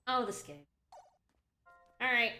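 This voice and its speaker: A woman's voice: on the high side, animated, takes it slowly, pushed and bright, reverberant, soft background music. A woman doing casual, joking commentary on a video game in a giggly, exclamatory way.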